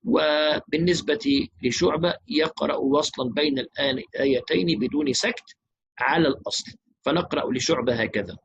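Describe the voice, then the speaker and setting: A man teaching Quran recitation, explaining rules briskly and chanting verses slowly and melodically. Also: a little high, gravelly, husky, muffled recording.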